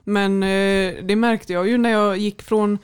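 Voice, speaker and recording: A woman from Gothenburg, a guest in a casual chat, relaxed and chatty. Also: mid-range voice, clear, resonant tone. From Gothenburg, Sweden.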